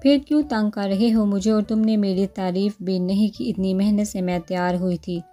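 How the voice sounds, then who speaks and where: A sulky, pampered young wife from a romance novel, read by a woman. She complains in a mellow, low-set voice over faint music. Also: steady tone, normal speed, close to an everyday voice. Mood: pouting. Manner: pouting, complaining. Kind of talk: storybook dialogue reading.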